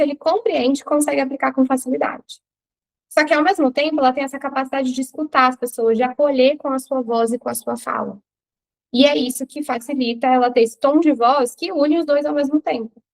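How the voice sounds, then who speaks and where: A Brazilian woman with a high voice is teaching a recorded class. She explains things step by step and keeps turning to her students with rhetorical questions. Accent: Brazilian Portuguese. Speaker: branding teacher.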